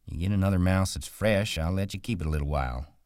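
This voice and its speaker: Man doing a hot-tempered worker, scolding, exasperated, deep voice, dry close recording. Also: darkish tone, no echo. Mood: softened. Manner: scolding, exasperated, quick bursts.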